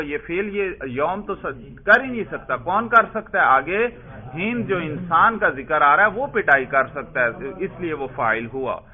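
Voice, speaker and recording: A man teaching Arabic grammar in a classroom lesson, quizzing his students and calling them brother. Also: high-pitched. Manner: quizzing, prompting students for answers; addresses listeners as brother. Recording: tinny phone-like lo-fi recording.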